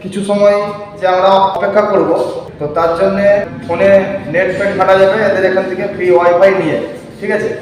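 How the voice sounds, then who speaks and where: High-voiced man in an echoing empty room. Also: a little fast, a crowd in the background. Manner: chatty, pointing things out as he goes. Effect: echo from a big empty room. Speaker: vlogger. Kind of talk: casual walk-through vlog narration. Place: large, mostly empty waiting room indoors. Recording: echoey room with steady background noise.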